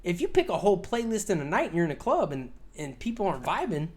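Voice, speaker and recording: A man's voice: high-pitched, very animated, fast. A man in his forties co-hosting a casual podcast, rambling with lots of fillers, swearing freely and laughing often. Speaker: podcast co-host.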